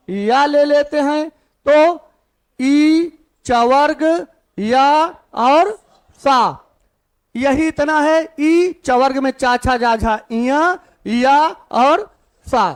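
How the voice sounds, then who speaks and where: A man's voice: very high voice, takes it slowly. A man teaching Sanskrit to a class, who asks his students questions and then answers them himself. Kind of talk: classroom lesson.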